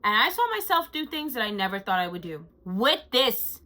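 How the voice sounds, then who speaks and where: A woman's voice: a little high, big pitch swings, moderate pace, sharp tone, low-quality recording. A woman vlogger chatting casually through a monthly recap, gushing and chatty with frequent fillers. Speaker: lifestyle vlogger.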